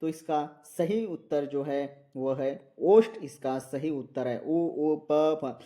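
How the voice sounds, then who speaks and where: A male teacher works through exam questions one at a time, reading each option and then repeating the right answer. His voice sits high but sounds mellow and soft-edged. He speaks slowly, drawing out each letter sound. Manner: reads options aloud, repeats answers, asks viewers to comment.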